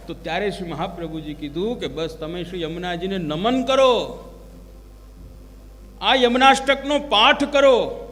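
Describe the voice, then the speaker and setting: High-voiced man preaching in a hall. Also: a bit bright. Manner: storytelling with rhetorical questions. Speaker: religious preacher. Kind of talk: devotional sermon. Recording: long hall reverb with faint music.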